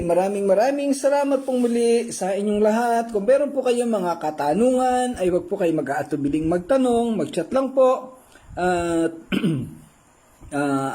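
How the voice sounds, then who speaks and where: Polite man, Bible study leader, mellow and slightly high, throat-clearing habit. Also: low-quality recording. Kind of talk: Bible study teaching and closing prayer.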